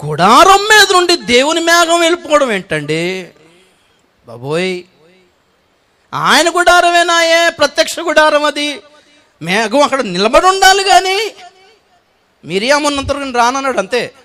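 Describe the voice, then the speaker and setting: A male pastor preaching in a high voice with a Telugu accent. He swings from loud, shouted cries down to hushed pleading, full of emotion. Now and then he drifts away from the mic. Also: sing-song, moderate pace, pauses often. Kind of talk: sermon.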